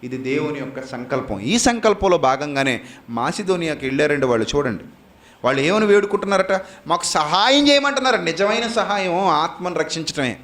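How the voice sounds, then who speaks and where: A man preaching a Bible class sermon, firing rhetorical questions and long repeated lists, swinging between raised emphatic lines and low quiet ones. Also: lively intonation, brisk. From South India.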